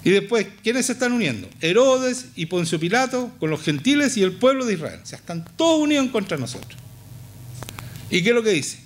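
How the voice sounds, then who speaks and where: Impassioned Chilean pastor preaching. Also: male voice, very animated, brisk. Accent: Chilean Spanish. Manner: impassioned, swings from low to high, emphatic repetitions. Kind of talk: sermon. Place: church.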